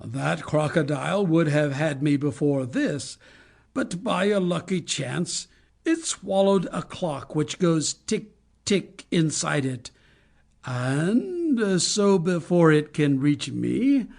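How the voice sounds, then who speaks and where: Captain Hook, a woman doing a gravelly pirate. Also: low-pitched, animated, a little mellow, voice pushed down, heavily acted. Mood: fearful. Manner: slow, theatrical, swinging from menace to whining. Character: vain, brooding pirate captain, adult man. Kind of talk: storybook read-aloud.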